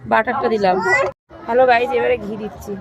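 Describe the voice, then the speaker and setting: A hoarse woman, casually narrating her cooking step by step and greeting viewers often. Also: a little high, steady tone, quick pace, highs cut off, a loud crowd. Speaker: cooking vlogger.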